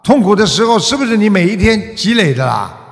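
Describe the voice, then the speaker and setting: A man preaching a Buddhist sermon as a master, full of rhetorical questions and drawn-out "ah" particles. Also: sits high, sing-song, in a large hall.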